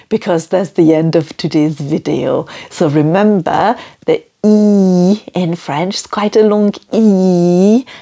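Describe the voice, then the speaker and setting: A woman's voice: vocal fry, warm tone, husky. A woman with a Geordie accent teaching French sounds to children in an exaggerated, sing-song way. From northeast England. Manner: exaggerated, sing-song delivery with big pitch leaps. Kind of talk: slow, animated lesson for children.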